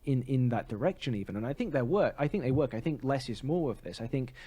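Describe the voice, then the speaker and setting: This man's voice is mid-range, dark and slightly rough, and he speaks quickly and with animation. As a podcast co-host, he chats casually about theatre, giving sharp, opinionated takes.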